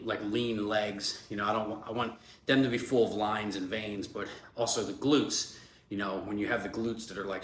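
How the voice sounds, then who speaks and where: A fitness vlogger in his forties rambles casually in vlog style, loose and chatty with plenty of fillers, and he's congested from a cold. His voice is lowish with a fairly bright tone. The room echoes, and a faint hum sits in the background.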